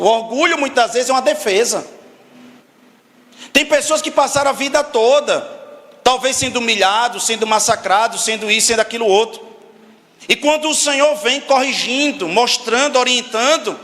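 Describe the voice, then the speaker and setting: A man's voice: very high-pitched, bright, forceful tone, in a large hall. A man preaching a sermon as pastor, emphatic and constantly asking the congregation questions.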